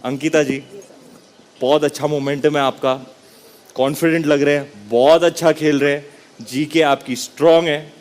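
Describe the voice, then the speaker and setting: A man hosting a television quiz show, lively and playful, switching between Hindi and English. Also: a little high, normal speed. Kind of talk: energetic game show hosting.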